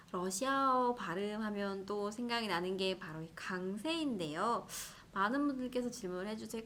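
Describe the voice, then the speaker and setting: Woman, Russian accent, language teacher, patient and clear, fairly high voice. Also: fairly bright tone. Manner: clear, patient explaining with slow drawn-out examples. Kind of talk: scripted lesson.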